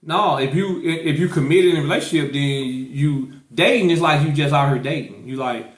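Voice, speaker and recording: A podcast host with a fairly high voice talks at a moderate pace. He's very casual and opinionated, this St guy, repeating himself a lot in a colloquial, emphatic way, and the sound is roomy and echoey.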